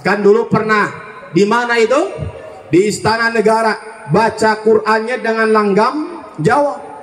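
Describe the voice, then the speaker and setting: A man's voice: high voice, steady tone, measured pace, fairly bright tone. A man preaching to students at a school religious gathering, stirring them up and firing questions at the audience for them to answer back. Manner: rousing, quizzes the audience with call-and-response questions. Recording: echoey room.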